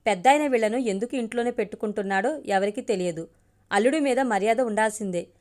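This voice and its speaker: A gossipy male security guard passing on secrets in a confiding tone, read by a woman. The voice sits a little high. It is a spoken storybook. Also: fast, a little mellow, close to an everyday voice.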